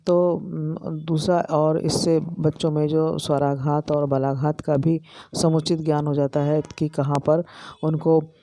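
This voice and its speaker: A middle-aged woman with an Indian accent, an education lecturer, explaining slowly with many pauses and fillers. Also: deep voice, little pitch movement, dark tone, dry recording. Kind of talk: recorded lecture.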